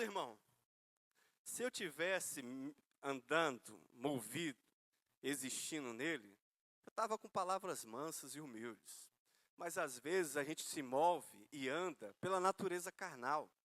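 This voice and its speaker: A man's voice: a little high, animated, unhurried, fairly bright tone, dry recording. Man, Brazilian accent, sermon, conversational with self-mocking humor, dry close sound. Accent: Brazilian Portuguese. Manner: asks listeners rhetorical questions, calls them brother. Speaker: preacher.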